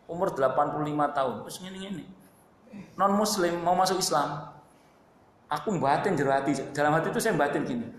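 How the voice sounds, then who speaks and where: A man's voice: on the high side, fairly quick, slight background noise. A man with an East Javanese accent preaching a sermon in a conversational way, repeating phrases and addressing his listeners directly. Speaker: Islamic preacher. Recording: echoey hall with faint ambience.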